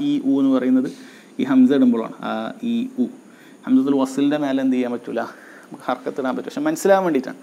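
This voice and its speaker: A man teaching a recorded grammar lesson, explaining step by step and repeating key words slowly. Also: mid-range voice, creaky, warm tone, muffled recording, slight background noise.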